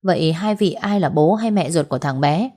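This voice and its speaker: A woman reading the part of a hospital doctor who speaks briskly and matter-of-factly. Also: medium pitch, warm tone, natural voice.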